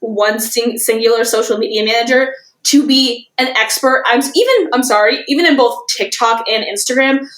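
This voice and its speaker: A woman talks shop as a podcast guest, her voice sitting a bit high. She rambles through thoughts with plenty of fillers and breaks into laughter easily. The recording carries a noticeable room echo. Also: normal speed, a bit bright. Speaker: guest, social media manager and course teacher. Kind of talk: casual podcast conversation.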